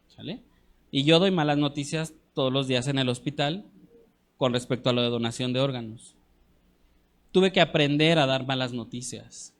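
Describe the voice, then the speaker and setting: A man teaching a church discipleship class, earnest, often checking in with his listeners and slowing down to stress scripture. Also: on the high side.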